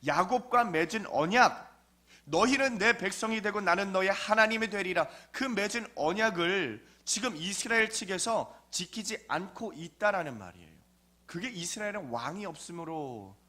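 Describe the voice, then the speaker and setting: Bright, high-voiced male preacher. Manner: conversational storytelling, rhetorical questions. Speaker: pastor. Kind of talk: sermon.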